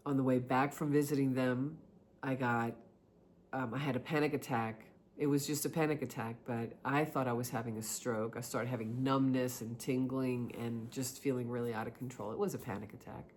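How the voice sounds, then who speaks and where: A middle-aged woman giving a confessional personal monologue in a halting, reflective way, often pausing between short phrases. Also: rumbling low, darkish tone, slight background noise. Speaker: vlogger sharing personal experiences.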